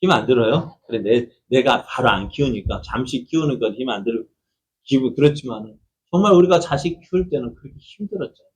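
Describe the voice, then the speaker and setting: A man's voice: mid-range voice, expressive, fairly quick, a little hiss or hum, poor audio. A middle-aged man preaching a Sunday sermon. He talks conversationally, keeps asking the congregation questions, and acts out quoted speech in a raised voice. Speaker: pastor.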